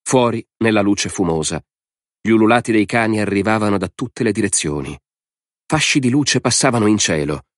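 A man reading an audiobook in a steady, measured narration. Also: lowish voice, dry recording, clean studio sound.

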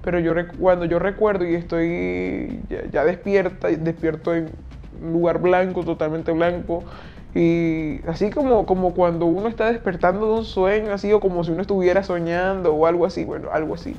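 A young woman gives a personal testimony in a quiet, halting way, often stopping to search for words. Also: lowish voice, fairly even intonation, slight background noise. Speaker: interviewee giving testimony. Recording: dull lo-fi audio with faint music.

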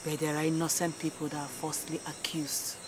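A man's voice: a little high, monotone, brisk, breathy edge. A man with a Nigerian accent playing a solemn fortune teller who makes cryptic pronouncements for the gods in a village epic film. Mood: portentous. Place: inside a thatched shrine hut.

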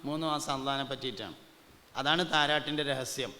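A male preacher, giving a storytelling sermon and now and then slowing into chanted devotional verses. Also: medium pitch, sharp tone, in a large hall. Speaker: Islamic preacher.

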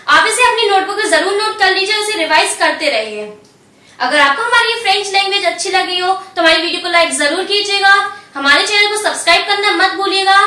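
High, bright woman teaching in an echoey room. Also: distant mic. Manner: slow, patient, repeats each letter. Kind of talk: step-by-step language lesson.

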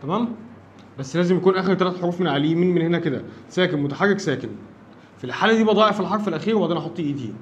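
A man's voice: high-pitched, very fast, slight background noise. A man with an Egyptian Arabic accent teaching an English grammar lesson, explaining step by step and often checking that his listeners follow.

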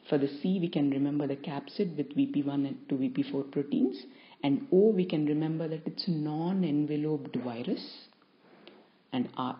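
A woman with a notably low voice gives a recorded lecture to students. She explains things in a measured way, stressing key terms, and the audio is dull and somewhat lo-fi.

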